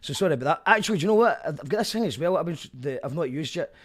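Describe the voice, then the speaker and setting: With background music playing beneath him, a Scottish-accented man hosts an online live show, racing through loose, casual chat that often restarts mid-sentence. His voice is a little high, with lively intonation.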